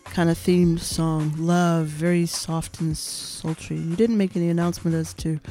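A woman's voice: fairly low pitch, steady tone, moderate pace, dark tone, soft background music. A middle-aged woman from the United States, a singer co-hosting a radio show, chatting playfully and laughing often. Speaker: singer and co-host. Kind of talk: casual radio chat.

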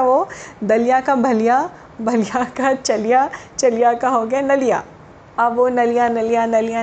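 A woman storyteller reads a tale to children in a lively way, turning to them directly as she goes. Her voice sits somewhat high. A faint hum of ambience stays in the background.

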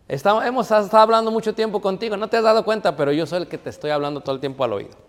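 A man voicing the devil as a hushed, insinuating whisperer in someone's ear during a sermon. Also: high-pitched, rapid-fire, in a large hall, lightly acted. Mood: sinister.

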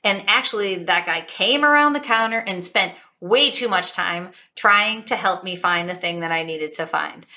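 A woman coach giving an energetic, emphatic motivational talk, telling stories with animated emphasis. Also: medium pitch, moderate pace, hardly any pauses.

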